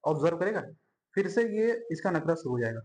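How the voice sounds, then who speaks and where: A man's voice: fairly high pitch, sing-song, fast talker, a little mellow. A young man teaching a board-exam math lesson at a whiteboard, chatty and friendly, calling students bhai and yaar and repeating words as he draws.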